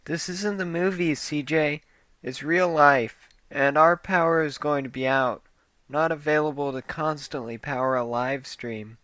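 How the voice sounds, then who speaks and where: A man's voice: on the high side, steady tone, measured pace, fairly bright tone, dry recording. A man playing a commanding, wisecracking male rebel leader who gives orders to his crew. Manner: commanding, sarcastic.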